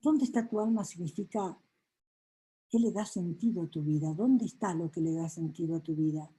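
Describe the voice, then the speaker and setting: A woman coach, telling a story to her audience with a soft, slow delivery. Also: sits low, husky, poor audio.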